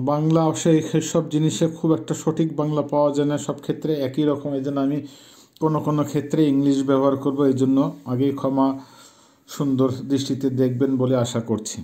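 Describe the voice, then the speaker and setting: A middle-aged man gives a language lesson, speaking patiently and haltingly and slowly repeating words so they can be pronounced. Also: on the high side, dark tone. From Bangladesh. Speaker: language teacher.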